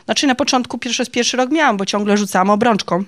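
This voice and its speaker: A woman's voice: on the high side, quick pace. A woman giving a personal faith testimony to a group of women, chatty and confiding, laughing at her own stories. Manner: chatty and confiding, ends phrases with "nie?".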